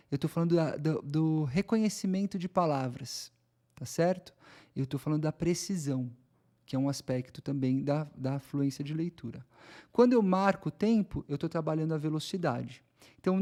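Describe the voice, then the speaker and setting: An educator with a Brazilian Portuguese accent walks teachers through a reading lesson conversationally, often checking in with his listeners. His voice is a little high with a darkish tone.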